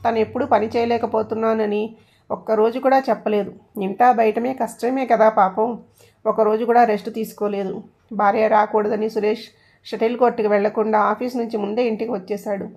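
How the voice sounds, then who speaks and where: A woman reading a family story aloud as narrator, even and measured. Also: a little high.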